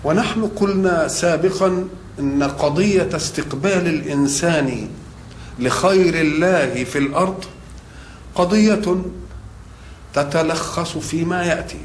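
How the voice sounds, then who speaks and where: Male preacher, measured explanatory sermon, slightly higher voice, roomy echoey recording. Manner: measured, explanatory, rising emphasis on key points. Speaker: religious scholar. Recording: echoey room with faint noise.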